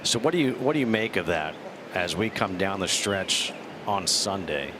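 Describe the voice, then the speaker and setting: A man with a low voice leads live golf commentary. He announces players and scores concisely, with clear outdoor noise in the broadcast. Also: lively intonation, moderate pace.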